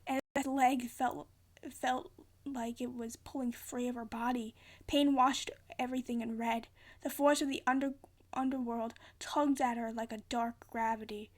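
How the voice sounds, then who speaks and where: A woman's voice: fairly high pitch, fairly even intonation, unhurried. A woman giving a theatrical, amateur storybook narration, often stumbling and rereading phrases. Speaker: amateur reader.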